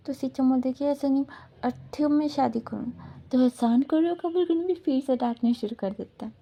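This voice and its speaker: A woman's voice: sits high, moderate pace, vocal fry, dark tone, breathy edge. A woman casually retelling a romance story in a loose, chatty way, at times dropping to a whisper for tender lines. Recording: slightly dull audio with faint hiss.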